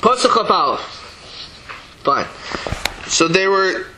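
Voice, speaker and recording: A man's voice: high voice, very animated, pushed and bright, a little hiss or hum, low-quality recording. A man teaching a Torah class, reading verses aloud and explaining them with frequent restarts. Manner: halting, restarts, reads Hebrew verses then translates. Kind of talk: verse-by-verse text study lesson.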